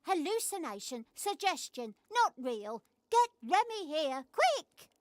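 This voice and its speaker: Very high-pitched, jumpy potion maker. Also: female voice, very animated, takes it slowly, no room sound, heavily acted. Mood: dismissive. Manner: fretful, exclamatory, clipped word-by-word dismissals. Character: jumpy, flustered, stubbornly skeptical woman who brews potions. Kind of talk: acted adventure game dialogue.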